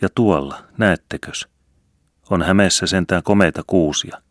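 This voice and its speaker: A man's voice: low voice, no room sound, clean studio sound, voice pushed up, lightly acted. A man voicing an eager country woman who exclaims and points things out, read from a storybook.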